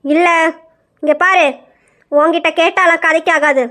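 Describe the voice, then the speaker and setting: Bossy old matriarch grandmother voiced by a woman, high-pitched, commanding, scheming, home audio drama. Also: fairly even intonation, measured pace, pushed and bright, exaggerated voice. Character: domineering old grandmother, matriarch of a rich house.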